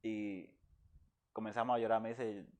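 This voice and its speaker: A man's voice: on the low side, little pitch movement, moderate pace. A man from the Dominican Republic, speaking as a guest and giving an emotional personal testimony in an earnest, heartfelt way.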